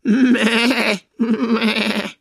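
A man voicing a plaintive, sly she-goat in a storybook reading, with a high, drawn-out bleating voice. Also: little pitch movement, gravelly, fairly bright tone, slightly rough, dry recording, clean studio sound, full character voice.

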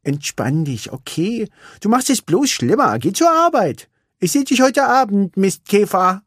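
A man voicing a spunky, restless young girl racer in a storybook reading, with a high, cheeky voice. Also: big pitch swings, unhurried, a bit bright, breathy edge, no echo, studio quality, full character voice. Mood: teasing.

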